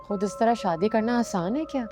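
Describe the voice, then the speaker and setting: An actress playing an outspoken young wife in a drama, with a Pakistani accent, speaking in a questioning, indignant way. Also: female voice, a little high, a little fast, loud music behind the voice, natural voice.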